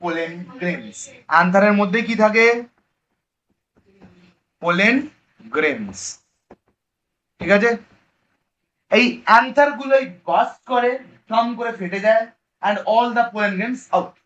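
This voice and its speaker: A man's voice: high voice, expressive, a little slow, long pauses, fairly bright tone. A male biology teacher with a Bengali accent, giving an online class lecture in a casual way. He quizzes his students, answers his own questions and drops English terms into his speech. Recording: dull lo-fi recording.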